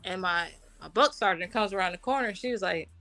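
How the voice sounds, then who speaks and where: A woman's voice: mid-range voice, fast, sharp tone, no room sound, soft background music. A woman, a military officer being interviewed, telling war stories in an informal, slangy way and acting out the dialogue. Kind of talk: animated personal war story told conversationally.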